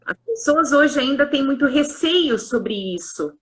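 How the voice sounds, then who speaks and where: A woman's voice: high voice, expressive, unhurried, a bit bright. A woman, a pharmacist and consultant, explaining her work earnestly in a live-stream conversation. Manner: earnest, explanatory, uses tag questions. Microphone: online live stream.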